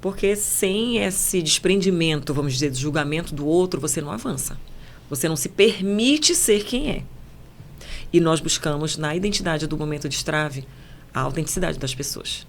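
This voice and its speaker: A woman journalist with a Paraense Brazilian accent, speaking as a podcast guest in a measured, emphatic, explanatory way. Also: sits low, lively intonation, a little hiss or hum. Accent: Paraense Brazilian Portuguese. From Belém, Pará, Brazil. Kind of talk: podcast conversation.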